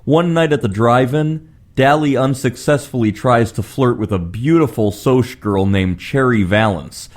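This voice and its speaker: A man's voice: medium pitch, a little slow. Male reviewer, mid-range voice, scripted narration of film synopses.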